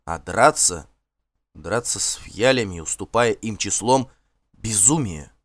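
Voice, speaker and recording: A male audiobook narrator with a low voice reads in a measured, expressive way. His intonation moves in lively swings, and the sound is dry and close to the mic. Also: dry recording.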